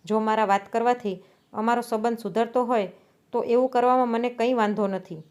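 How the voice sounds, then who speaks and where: An earnest young husband pleads with his wife, hurt but trying to stay reasonable, as a woman narrator reads his part. The voice is on the high side. It is a storybook reading. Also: fairly even intonation, brisk, a little mellow, close to an everyday voice. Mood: pleading.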